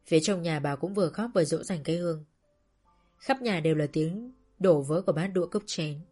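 A woman narrating a sad first-person story in a slow, sorrowful storytelling manner. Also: sits low, mellow, soft background music.

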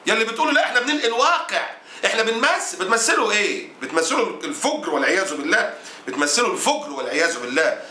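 Fiery fast-talking Egyptian preacher. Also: male voice, sits high, sing-song, bright, forceful tone. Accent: Egyptian Arabic. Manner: fiery, indignant, scolding. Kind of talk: sermon. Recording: roomy echo.

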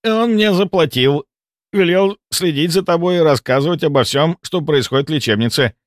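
A man's voice: a little high, dry recording, clean studio sound, pitched above the performer's own voice, lightly acted. A man voicing a cowardly male healer who pleads and whines for his life. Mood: confessing. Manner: pleading, whining, fast-talking.

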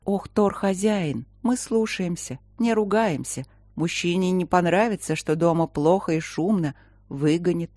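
Woman voicing a blind, meek young woman, soft and quiet, unhurried, dark tone, storybook. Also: lowish voice, dry recording, clean studio sound. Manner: soft, slow, meek speech. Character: blind timid young woman, gentle and grateful.

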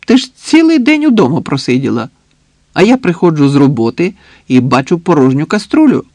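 A man reading an audiobook voices a cheerful young woman who teases her friend in a playful, bubbly way, raising his voice higher and louder for her. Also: sing-song, unhurried, dry recording, heavily acted. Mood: teasing. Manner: playful, bubbly, bossy banter.

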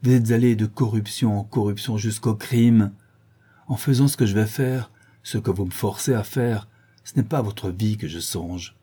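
A man's voice: lowish voice, moderate pace, warm tone, slightly rough. A man voicing a bitter male chemist who speaks coldly and with contempt. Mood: contemptuous. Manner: cold, contemptuous.

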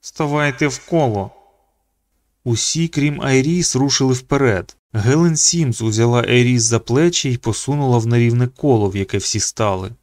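A man narrating an audiobook in an expressive reading voice. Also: moderate pace, hardly any pauses, no echo, studio quality. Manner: reads expressively, pitching up for the children's quoted lines.

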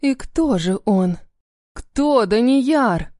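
A woman's voice: fairly high pitch, lively intonation, very slow, mellow, no room sound, studio quality, heavily acted. A woman voicing a frightened young wife who pleads in a trembling voice. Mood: pleading.

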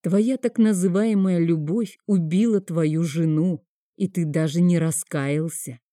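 A woman voicing a calm, scornful older high priest in an audiobook. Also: a little slow, no echo, clean studio sound, close to an everyday voice. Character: high priest, older man, cold and sarcastic.

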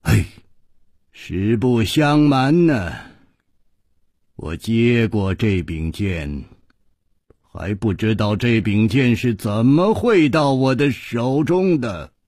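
A man voicing a weary older swordsman who speaks slowly and sighs. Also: medium pitch, animated, a little mellow, dry recording, studio quality. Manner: slow, sighing.

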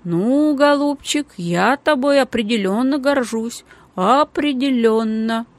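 A woman reading the part of a kindly middle-aged doctor and father in an audiobook, gentle and coaxing. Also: mid-range voice, normal speed, lightly acted. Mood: proud.

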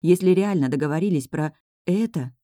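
A woman reads a first-person novel aloud, voicing the story expressively. Her tone is dark and mellow, and the recording is close and dry with no room sound. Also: low-pitched, normal speed, no room sound. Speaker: audiobook narrator. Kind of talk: first-person audiobook narration.

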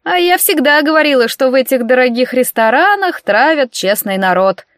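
A nosy, cheeky old woman who barges into every conversation with a shrill, high, bossy voice, as a woman narrator puts her on. She is loud and meddling, recorded dry and close for an audiobook. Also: animated, moderate pace, dry recording.

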